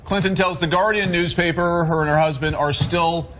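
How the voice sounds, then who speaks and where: High-voiced man reading the news. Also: fairly even intonation, normal speed, dull audio. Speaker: news anchor. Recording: faint background noise.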